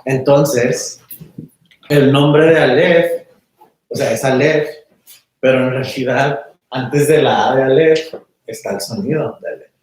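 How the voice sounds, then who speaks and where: A man teaching a small class in a relaxed, conversational way, often checking that his students follow. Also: mid-range voice, takes it slowly. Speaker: meditation teacher. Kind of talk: casual class lecture. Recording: very echoey room, mic far off.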